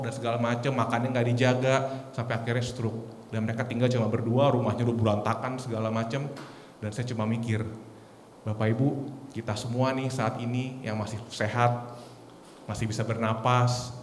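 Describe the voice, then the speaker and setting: A man in his thirties, a lay preacher giving a casual, story-filled sermon at a prayer meeting. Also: medium pitch. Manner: casual, chatty, storytelling with laughs. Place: large echoey church hall. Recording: echoey hall, faint noise.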